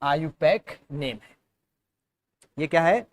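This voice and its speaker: Indian male chem teacher, fairly high voice, repeats everything, drills mnemonics. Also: lively intonation, slow pace. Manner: repetitive, drilling mnemonics, calls students beta. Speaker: chemistry teacher. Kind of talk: classroom lecture in Hindi-English mix.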